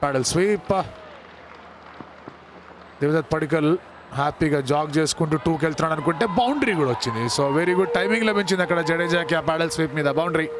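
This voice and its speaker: High-voiced Indian man commentating cricket in Telugu. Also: quick pace. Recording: live broadcast with noisy stadium crowd. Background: cricket crowd noise.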